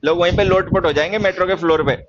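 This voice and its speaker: A man teaching English grammar in a classroom lecture, teasing students about their mistakes and reading example sentences slowly. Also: sits high, fairly even intonation, a little hiss or hum. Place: coaching class in Delhi. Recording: dull, dry lo-fi sound.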